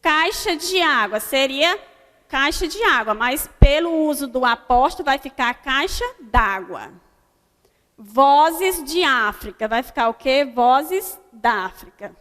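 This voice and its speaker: A Brazilian woman teaching grammar to young pupils in a high, bright voice. She pronounces example words slowly and deliberately, checking in often with the class. Her voice trails in a long, echoing hall. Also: lively intonation. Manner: slow, deliberate word-by-word dictation with frequent "né?" checks. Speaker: primary school teacher. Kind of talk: recorded online grammar lesson.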